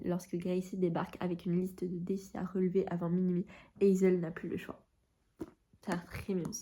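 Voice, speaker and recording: A woman's voice: lowish voice, warm tone. A woman talking casually as a book vlogger, informal and slangy, rambling through her thoughts. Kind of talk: casual chatty reading vlog.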